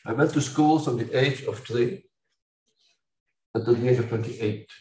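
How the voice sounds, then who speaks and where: An older man from Belgium lectures to a room of students, sliding from dry irony into loud outbursts. His pitch sits in the middle of the male range. The recording comes from a distance, and the hall echoes around him. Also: a little slow. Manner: animated, ironic, mocking asides with sudden loud outbursts. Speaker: university lecturer. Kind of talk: academic lecture.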